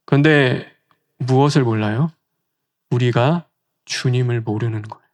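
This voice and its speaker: Male pastor, mid-pitched voice, chatty sermon delivery full of rhetorical questions, now and then slips away from the mic. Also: a little slow, a little mellow. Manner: conversational preaching with rhetorical questions.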